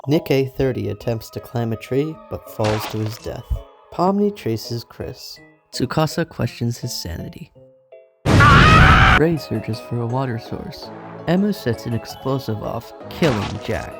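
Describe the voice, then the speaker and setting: A man's voice: medium pitch, lively intonation, measured pace. Male narrator, hammy stage-actor delivery, dramatic reading of game events, music underneath. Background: background music.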